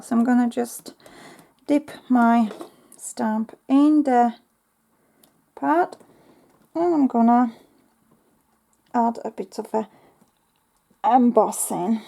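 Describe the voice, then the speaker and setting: A woman works slowly through a casual step-by-step craft tutorial, talking to herself, chatting, and pausing often with ums. Her voice sits a little high and sounds mellow and soft yet gravelly, slightly worn as if she's losing it.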